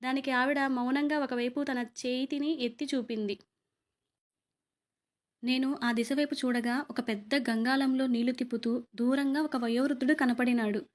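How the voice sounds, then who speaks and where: Woman storyteller for an audio horror serial; high-pitched, vivid, exclamatory first-person narration. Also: steady tone, moderate pace.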